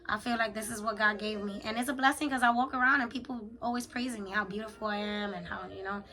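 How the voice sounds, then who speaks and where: A woman's voice: medium pitch, steady tone, quick pace, sharp tone, soft background music. A woman talking candidly in a confessional vlog, with a raw, unfiltered, sweary and slangy way of speaking. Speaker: vlogger, spiritual journaler.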